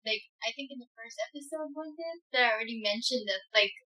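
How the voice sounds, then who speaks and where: A woman's voice: fairly high pitch, fast talker, sharp tone, poor audio. A young woman from Papua New Guinea hosting a casual podcast chat over a video call, giggling often. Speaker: podcast host.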